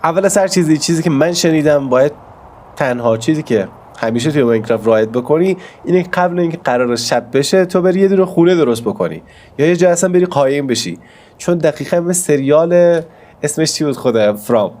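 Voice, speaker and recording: A man with a hoarse voice from a cold, chatting excitedly to his viewers as he comments on his own gameplay. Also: on the high side. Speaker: gaming YouTuber.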